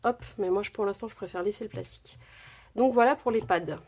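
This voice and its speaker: Brisk and a bit breathy, her medium-pitched voice carries a darkish tone as she presents her new craft supplies in a haul vlog. The crafting host talks casually at her home craft desk, often filling pauses and correcting herself.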